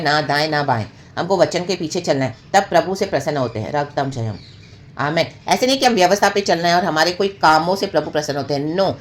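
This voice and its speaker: A woman preacher giving a sermon, peppering it with amen and hallelujah and slipping into English phrases. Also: sits low.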